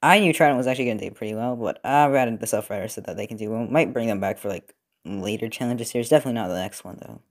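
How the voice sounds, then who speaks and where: A man's voice: lowish voice, rapid-fire. A young man chatting casually while he works on a build, rambling with lots of fillers and restarts. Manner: rambling, filler-heavy, self-correcting. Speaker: robot-building video creator. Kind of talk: casual commentary while working. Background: TV football game.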